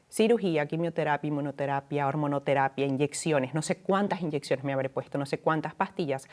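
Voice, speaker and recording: A woman scientist on a talk show, recounting her own experience earnestly, her voice dropping soft and low. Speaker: guest, scientist. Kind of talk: personal testimony in a talk show.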